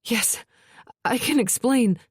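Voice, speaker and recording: A man voicing a frightened young woman who is tearful, pleading and full of remorse, in a much higher voice. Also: slow pace, slightly rough, dry recording, clean studio sound, full character voice.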